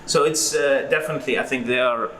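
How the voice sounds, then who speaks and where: A crowd can be heard behind this medium-pitched, fast-talking man. He's an Iraqi record collector in his forties, giving casual interview answers as he tells his story in a hesitant, rambling way full of fillers.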